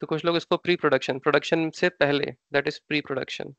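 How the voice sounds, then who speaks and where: Indian guy teaching a class online, smooth voice, dry dull lo-fi mic. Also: fairly high pitch, fairly even intonation, normal speed, a bit bright, no room sound. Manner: explanatory, repeats terms, asks rhetorical questions. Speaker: SAP training instructor. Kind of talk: live online class lecture.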